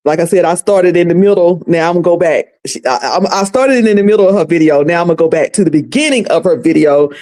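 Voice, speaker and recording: Talking fast with hardly any pauses, this commentary livestream host has a fairly low, warm voice and a Southern accent from North Carolina. On her casual recap stream she chats folksily with viewers, addressing them as "y'all" and "sugar."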